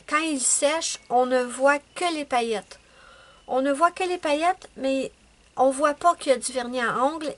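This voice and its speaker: Chatty Québécoise woman, high voice. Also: fairly bright tone. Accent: Québécois French. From Quebec, Canada. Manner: rambling, chatty, many hesitations and self-corrections. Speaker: adult coloring YouTuber. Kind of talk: casual chat showing finished coloring pages.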